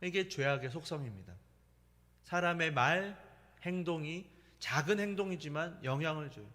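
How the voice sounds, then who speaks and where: A middle-aged male pastor with a fairly high voice preaches in a relaxed, anecdotal style. His pitch swings a great deal as he tells stories. His voice carries a long reverb from the church sanctuary. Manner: conversational storytelling preaching with laughter. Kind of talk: sermon.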